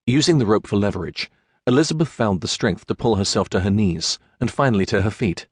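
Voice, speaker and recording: A man reading a historical romance audiobook in a measured, dramatic storytelling manner. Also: on the low side, expressive, slightly rough, no echo, clean studio sound. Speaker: audiobook narrator. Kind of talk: scripted narration.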